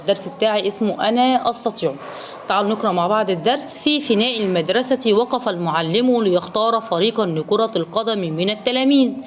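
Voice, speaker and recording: A woman's voice: mid-range voice, quick pace, a little hiss or hum. A woman teaching a recorded Arabic lesson for young pupils in an Egyptian accent. She asks the children questions and then answers them herself, repeating the key words. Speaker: primary school Arabic teacher.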